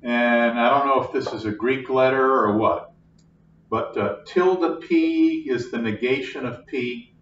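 Captured from the far side of an echoey classroom, the audio is distant and dull with slight background noise. An older man who lectures in math explains things step by step at the whiteboard in a slightly bright, mid-range voice, patiently and slowly going over each point more than once.

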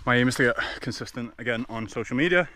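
A man's voice: medium pitch, quick pace. Breathless young Englishman vlogging mid-run outdoors. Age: 20s. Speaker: fitness vlogger. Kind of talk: casual vlog chat. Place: outdoors on a forest trail. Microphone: action camera at arm's length. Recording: noisy outdoor action-camera audio.

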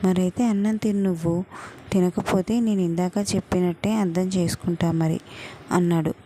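Storyteller, woman: mellow, low and even delivery for audiobook narration, light hiss. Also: moderate pace. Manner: reads every part in her own voice, even and calm.

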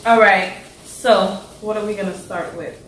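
A blunt, opinionated woman in a casual mealtime chat, often trailing into quiet asides. Her voice sits at a middle pitch. She sounds far from the mic in a very echoey room. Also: steady tone, unhurried, heavy background noise. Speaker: co-host friend. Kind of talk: casual chat over a meal.

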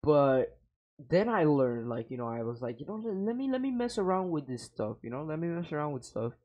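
Reacting to old gaming videos of himself, a young man rambles, jokes at his own expense and swears freely into an over-ear headset in a small home room. His voice is on the high side and warm, a little fast with big pitch swings, though the recording is muffled.

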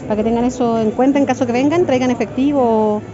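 A middle-aged Chilean woman with a Chilean accent chatting excitedly in a casual shopping vlog, filmed on a handheld phone. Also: on the high side, a crowd in the background. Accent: Chilean Spanish. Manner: chatty, excitable, quick to laugh. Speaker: vlogger. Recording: dull lo-fi phone audio with noise.

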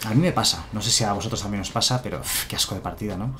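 A man's voice: fairly low pitch, racing, over music. A man with a Spanish accent from Spain, casually commenting a game on a live stream and answering his chat. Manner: chatty, answers chat, muses aloud. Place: home room with a chair.

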